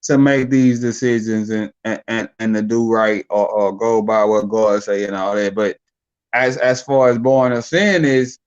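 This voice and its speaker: A man's voice: lowish voice, fairly even intonation, a little slow, clear, resonant tone, muffled recording. A young man in a casual podcast debate, talking loosely and repeating words while he works out his point. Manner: loose, rambling, repeats words when thinking. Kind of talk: casual debate over mics.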